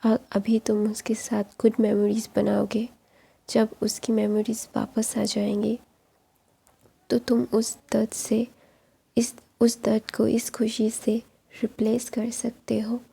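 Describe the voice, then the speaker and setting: A woman voicing an earnest, hushed older brother. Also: fairly high pitch, completely flat delivery, takes it slowly, gravelly, husky, heavily acted. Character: calm older brother giving earnest advice.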